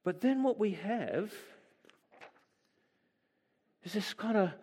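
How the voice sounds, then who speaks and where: A man with a fairly high voice delivers a sermon. He reads a scripture passage aloud, then talks it through in a relaxed, musing way, asking his listeners questions as he goes. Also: normal speed, breathy edge, long reverb tail. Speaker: preacher.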